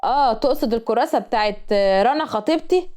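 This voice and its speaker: A woman's voice: a little high, lively intonation, a little fast, a little mellow, lightly acted. A woman voicing a smug young male university lecturer with an Egyptian accent. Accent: Egyptian Arabic. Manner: smug, matter-of-fact.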